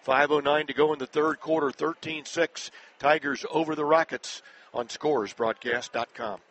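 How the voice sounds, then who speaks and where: Man calling basketball play-by-play over loud noise. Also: fairly even intonation, low-quality recording. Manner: brisk, rising sharply in pitch and volume on big plays. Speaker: play-by-play announcer. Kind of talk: live high school basketball play-by-play. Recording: broadcast with loud crowd noise.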